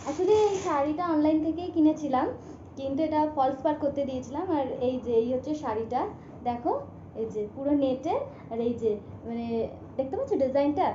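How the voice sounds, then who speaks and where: High-voiced young mother vlogging at home. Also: a little fast, dark tone, muffled recording, slight background noise. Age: young adult. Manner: chatty, addresses viewers directly; sing-song baby talk to her son. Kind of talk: casual home vlog. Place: at home, indoor rooms.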